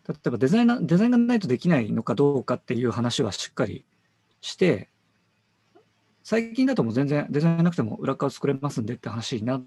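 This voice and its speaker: A man with a gravelly, husky voice talks through how his design team works, relaxed and thinking aloud. His pitch rises and falls freely, and the sound is close and dry. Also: no room sound. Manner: relaxed, thinks aloud with fillers and self-corrections. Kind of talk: casual work conversation.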